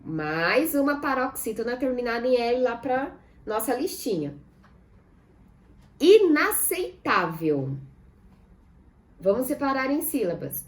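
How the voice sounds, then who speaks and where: Brazilian woman, teacher, children's lesson, slow, sing-song rise and fall, raised voice. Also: fairly high pitch, a bit bright. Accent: Brazilian Portuguese. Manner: slow, syllable-by-syllable teacher talk with questions to pupils.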